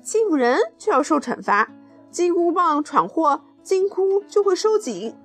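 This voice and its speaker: A woman with a high voice reads a children's picture book aloud, stopping for friendly asides to the child listening. Soft music plays faintly in the background. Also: sing-song, unhurried. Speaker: storyteller reading to a child.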